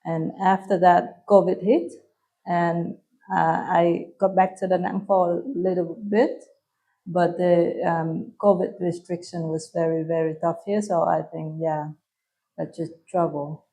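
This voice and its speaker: Soft-spoken Vietnamese woman in her thirties. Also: on the low side, little pitch movement, unhurried. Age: 30s. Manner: soft-spoken, hesitant with frequent ums. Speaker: guest. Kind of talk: casual interview answers.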